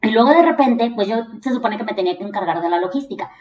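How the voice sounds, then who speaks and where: A young woman tells a personal story on her podcast in a lively, casual way and acts out the voices of the people she quotes. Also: fairly high pitch, fast, far from the mic. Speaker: podcast host. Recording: echoey room, voice off-mic.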